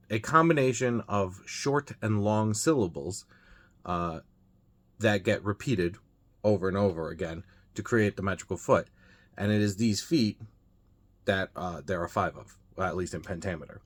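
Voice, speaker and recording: A man with a low, deep voice talks viewers through poetry vocabulary. His delivery is loose and unscripted, full of small restarts and fillers as he works out his explanations. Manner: loose and unscripted, frequent uh and you know, restarts. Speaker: host of a reading channel. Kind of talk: casual explainer talk.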